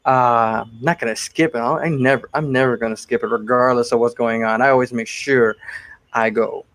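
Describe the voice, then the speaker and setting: Fielding viewers' questions about his cosplay builds, this forties-aged streamer from Connecticut, USA, talks in a relaxed, rambling way and says things more than once. His mid-range voice is steady and fairly bright, moving at a normal speed.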